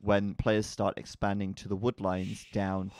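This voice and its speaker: Chatty low-voiced male game caster. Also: little pitch movement, unhurried, a little mellow, dry recording, clean studio sound. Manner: chatty, laughs easily. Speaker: esports caster. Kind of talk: live game commentary. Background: faint background music.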